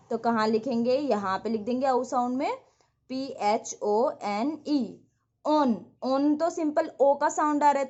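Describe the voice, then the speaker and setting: A woman's voice: high voice, a little mellow, highs cut off. A woman teacher with an Indian English accent giving an online lesson, drilling words aloud and answering her own questions. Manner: drills words aloud, repeats them, asks and answers herself.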